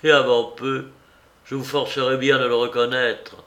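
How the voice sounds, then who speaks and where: A man's voice: mid-range voice, flat delivery, moderate pace, a bit bright, muffled recording, lightly acted. A man playing an ardent, proud young nobleman. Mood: passionate. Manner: earnest, impassioned pleading.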